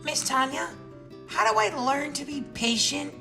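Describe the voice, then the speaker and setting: A woman's voice: high-pitched, expressive, measured pace, music in the background. A woman playing an eager, impatient childlike sidekick in a children's show, with broad singsong theatrical delivery. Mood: curious.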